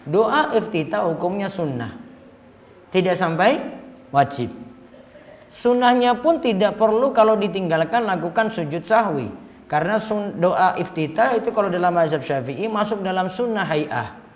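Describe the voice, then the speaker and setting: A man's voice: high voice, lively intonation, normal speed. A man giving a religious lecture, reading out listeners' questions and answering them plainly. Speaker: Islamic teacher. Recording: echoey hall reverb.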